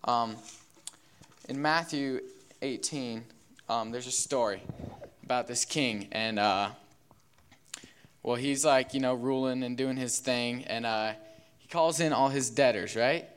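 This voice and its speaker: A young man gives a casual sermon with a smooth, resonant voice at an ordinary pitch. He talks in a loose, filler-heavy way, like he is chatting with a youth group. He slips into little character voices to tell a story. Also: slow pace, pauses often. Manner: relaxed, filler-heavy, acts out characters in a parable. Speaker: youth speaker.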